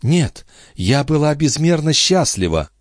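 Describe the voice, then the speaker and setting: A man reading an audiobook, voicing a devoted young woman in a soft, raised voice. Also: a little high, very animated, measured pace, no echo, clean studio sound, voice pushed up. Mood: earnest.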